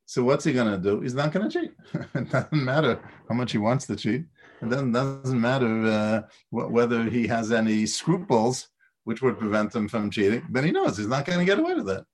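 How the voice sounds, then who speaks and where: A man's voice: mid-range voice, very animated, moderate pace. A man teaching a Torah class, with lots of stammered restarts and rhetorical questions. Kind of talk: lecture on Pirkei Avot.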